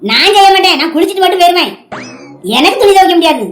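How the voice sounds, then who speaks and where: A woman voicing a stubborn, bickering old grandmother in a cartoon, with a squeaky, shrill voice and a Tirunelveli Tamil accent. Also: expressive, very fast, faint music behind. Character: bossy old grandmother, mother-in-law.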